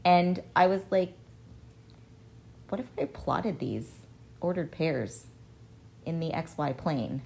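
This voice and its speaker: Her voice sits low and creaky, and she speaks slowly with frequent pauses. This woman math professor is a guest on a radio interview in a radio studio, chatting casually and bringing her stories to life by acting out the quoted exchanges.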